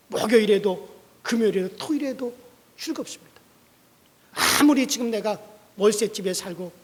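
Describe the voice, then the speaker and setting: A man's voice: high voice, big-room sound. A male pastor giving a dawn prayer sermon, preaching with animation and putting questions to the congregation.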